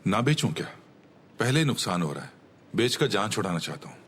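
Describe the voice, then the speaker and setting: A weary, resigned business owner. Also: male voice, on the low side, very animated, fairly quick, a bit bright, slightly rough, heavily acted. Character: weary owner of a failing station, wanting to sell. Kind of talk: dubbed TV drama.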